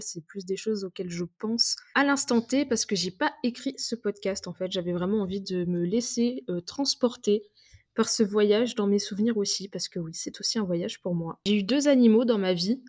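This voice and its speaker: A woman's voice: medium pitch, darkish tone. A woman in her twenties from southwestern France, hosting a casual, confessional solo podcast in an unscripted, hesitant, chatty way. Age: 20s. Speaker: podcast host.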